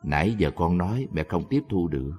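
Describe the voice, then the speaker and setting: A soft, pleading old mother, read by a man with a very low voice. She speaks gently and quietly, and the storytelling has a long hall reverb behind it. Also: expressive, fairly quick, faint music behind. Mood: gentle. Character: worried devout old mother, soft-spoken.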